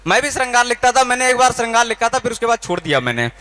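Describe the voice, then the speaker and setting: A man's voice: very high voice, big pitch swings, very fast, bright, forceful tone, smooth. A man declaiming fiery patriotic poetry from a college stage, repeating his lines for emphasis. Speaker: poet. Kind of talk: live poetry recitation.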